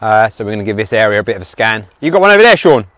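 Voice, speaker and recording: A man's voice: lowish voice, big pitch swings, racing, fairly bright tone, no room sound, rough recording. A British man chatting to viewers while metal detecting outdoors. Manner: chatty, addresses viewers as guys. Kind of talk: casual narration while digging outdoors. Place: open field outdoors.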